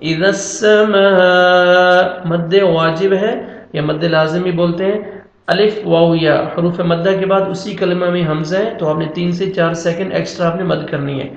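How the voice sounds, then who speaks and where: A man teaching Quran recitation, spelling out letters and vowels and chanting verses slowly between quick explanations. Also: on the high side, fairly even intonation, gravelly. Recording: echoey, dull lo-fi room sound.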